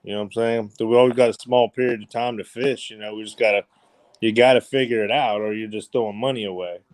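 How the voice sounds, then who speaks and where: A man's voice: on the low side, fairly even intonation, quick pace, no echo. A man hosting a livestream, chatting casually about fishing in a rambling, laid-back way full of fillers. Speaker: livestream host.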